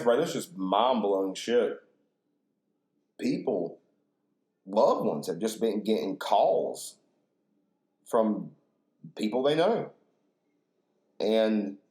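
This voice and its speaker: A man with a very deep, low-pitched voice hosts his podcast in a loose, rambling chat. He talks in slang, swears freely and calls everyone dude and bro. He is a little tipsy from drinks. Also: darkish tone. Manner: laid-back, slangy and profane, full of "dude" and "bro". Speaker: podcast host.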